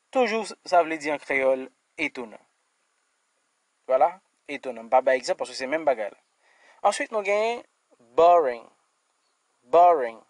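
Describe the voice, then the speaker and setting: A man with a Haitian accent teaching an English lesson, slowly repeating words and checking in with "d'accord?" and "hein". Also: a little high, dry recording. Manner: slow, repeated word-by-word pronunciation drills.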